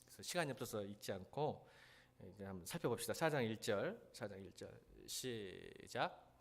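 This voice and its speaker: A middle-aged male pastor with a Jeolla Korean accent preaching a sermon. He swings from hushed pleading to loud, emphatic questions. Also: lowish voice, animated, moderate pace, a little hiss or hum.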